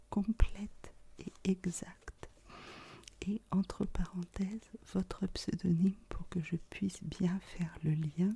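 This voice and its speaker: A woman ASMR host speaking in a soft, unvoiced whisper, very close, right in the listener's ear. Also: lowish voice, gravelly, breathy edge.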